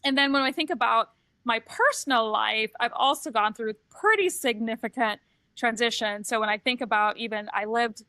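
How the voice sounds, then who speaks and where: A middle-aged woman who grew up in Trinidad and Tobago talks through her life story on a podcast, candid and reflective. Her voice is bright and sits a little high. The sound is dry and close, with no room around it. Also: moderate pace, no room sound. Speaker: podcast co-host, transition coach. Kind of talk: casual podcast chat.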